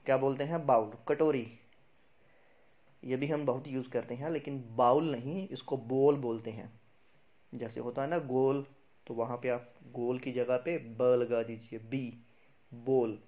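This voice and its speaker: A man giving an English pronunciation lesson, explaining words slowly and asking and answering his own questions. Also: mid-range voice, darkish tone, highs cut off.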